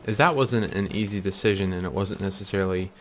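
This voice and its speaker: Deep-voiced and quick, a young vlogger chews candy while speaking to camera in a loose, reflective monologue. He sincerely talks about following his dreams, tripping over ums and restarts along the way.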